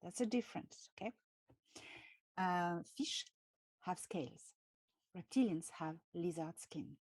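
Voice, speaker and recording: A woman with a French accent, hosting a live stream and talking in a halting way with many pauses and fillers. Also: lowish voice, animated, darkish tone, slightly rough. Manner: halting, many fillers and restarts, laughs often. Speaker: channel host.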